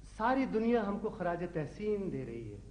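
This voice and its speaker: Self-important young poet, high voice, ringing echoey room. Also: male voice, big pitch swings, a little slow, a little mellow. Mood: grandiose. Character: vain, grandiloquent young poet son. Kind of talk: TV drama acting.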